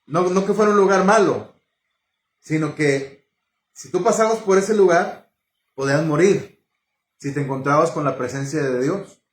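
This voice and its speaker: A male preacher giving a sermon, unhurried and halting, with fillers and self-corrections. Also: on the high side, reverberant.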